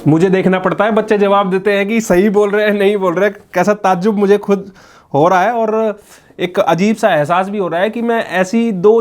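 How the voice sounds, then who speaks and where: Male reporter, high-pitched, enthusiastic, amazed, quiz questions to kids, local news interview. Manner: marvelling, enthusiastic, quizzing children.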